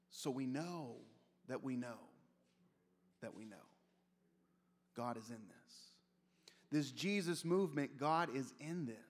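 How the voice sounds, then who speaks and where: A man's voice: high-pitched, a bit bright. A man preaching a sermon as pastor, conversational and storytelling, with casual asides. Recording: long reverb of a large hall.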